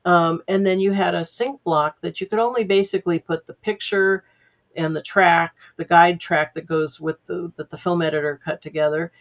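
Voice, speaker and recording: A woman's voice: lowish voice, steady tone, moderate pace, dull audio. An older woman, a sound editor as podcast guest, telling anecdotes in a chatty way full of fillers. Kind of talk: casual interview storytelling.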